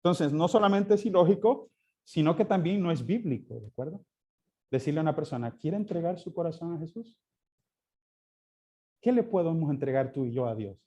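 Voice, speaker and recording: Lively man teaching a church class. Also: a little high, a little fast, dull audio. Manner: asks the class questions and answers them himself. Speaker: Sunday school teacher.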